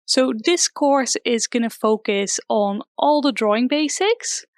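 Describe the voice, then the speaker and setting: A young Dutch art teacher walks through drawing basics step by step, dropping in a few fillers as she demonstrates. Her voice is fairly high and lively, her pace a little slow. The recording is dry, made in a hairdresser's salon serving as a temporary studio.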